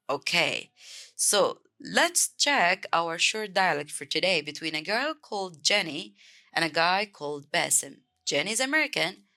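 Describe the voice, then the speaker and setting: A woman from Egypt with an Egyptian accent, teaching a beginner language lesson and clearly repeating each word several times. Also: fairly low pitch, bright, forceful tone. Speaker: Arabic teacher.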